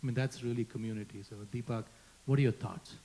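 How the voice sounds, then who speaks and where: A man's voice: mid-range voice, steady tone, fast talker, warm tone, a little hiss or hum, poor audio. A man with an Indian accent moderating a panel discussion, earnest and often tagging "right?" onto his points. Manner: earnest, asks rhetorical questions with "right?".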